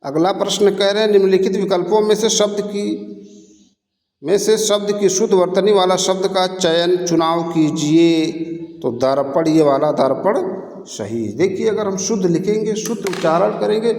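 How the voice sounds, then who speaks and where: A man teaching a spelling lesson for exam prep, slowly repeating each answer and checking in with the class. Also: sits high, a little mellow. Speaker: Hindi teacher. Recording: echoey room, faint ambience.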